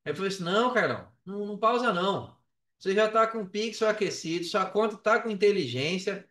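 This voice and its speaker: A podcast guest who does affiliate marketing, this man talks fast with lively intonation in a high, fairly bright voice and a Brazilian accent. He tells his story casually and with energy, using slang and re-enacting conversations. He sits far from the mic, and the audio is roomy and echoey.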